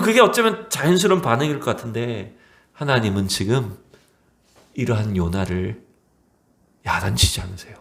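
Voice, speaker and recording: A male pastor preaching a sermon, often asking the congregation questions and acting out quotes. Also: medium pitch.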